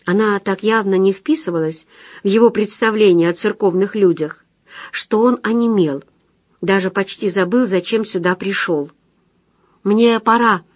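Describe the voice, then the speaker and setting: A woman narrating a novel in a calm, even storytelling manner. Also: mid-range voice, normal speed, dry recording, clean studio sound. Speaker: audiobook narrator. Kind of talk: scripted literary narration.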